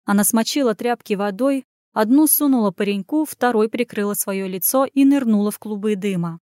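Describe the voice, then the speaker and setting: A woman reading a fantasy story aloud in brisk, even narration. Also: medium pitch, no room sound, clean studio sound. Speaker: audiobook narrator.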